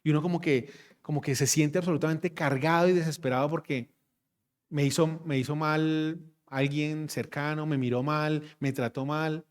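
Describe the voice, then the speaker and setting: A man's voice: fairly high pitch, fairly even intonation, normal speed, smooth. A man preaching a sermon, emphatic, repeating his phrases and putting questions straight to the congregation.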